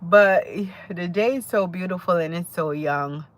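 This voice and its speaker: At a measured pace and a pitch on the low side, an adult woman from Jamaica hosts a live stream with a Jamaican accent. She chats casually, greets viewers by name, and laughs often.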